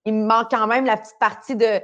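A woman with a Québécois accent chats openly on a podcast. Her voice sits slightly high, and her manner is frank and animated. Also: fast talker. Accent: Québécois French. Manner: candid, animated storytelling. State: pregnant. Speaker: radio host. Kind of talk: casual podcast chat.

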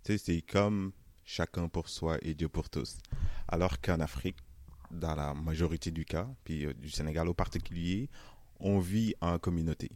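A young man from Senegal with a Senegalese French accent softened by Canadian French, chatting easily in an interview and laughing often. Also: deep voice, normal speed, no echo. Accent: Senegalese French, softened toward Canadian French. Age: young adult. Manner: relaxed, chatty, laughs often, many "euh" and "tu sais". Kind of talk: casual interview.

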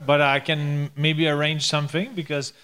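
A French-speaking man with a Quebec French accent, joking casually and searching for words in halting English. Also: on the high side, little pitch movement, a bit bright, clear, resonant tone.

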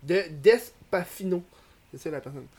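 A young man with a Québécois accent hosts a casual podcast chat. His voice sits notably high for a man, and he jokes around and swears freely as he talks. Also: expressive, measured pace, darkish tone, slightly rough. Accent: Québécois French. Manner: loose and joking, swears freely. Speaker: podcast host.

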